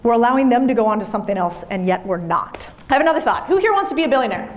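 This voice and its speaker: A woman's voice: on the high side, lively intonation, rapid-fire. A woman in her thirties giving a blunt, emphatic motivational talk to a live audience, swearing freely. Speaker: business speaker. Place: event room with audience.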